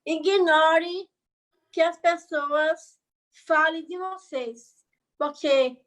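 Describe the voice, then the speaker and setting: A woman's voice: high-pitched, a bit bright, poor audio. A woman from Bahia, Brazil, speaking as a guest on a video call. She talks in a chatty, rambling way and keeps checking that listeners follow her. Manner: chatty, rambling, keeps asking "entendeu?" and "sabe?". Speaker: guest speaker, online creator. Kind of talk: casual talk on a video call.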